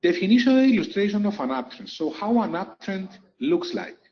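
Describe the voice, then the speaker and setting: A man's voice: high-pitched, sing-song, a little fast, lo-fi sound. A man teaching a lesson over chart slides, explaining step by step and repeating key points for emphasis. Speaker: trading instructor.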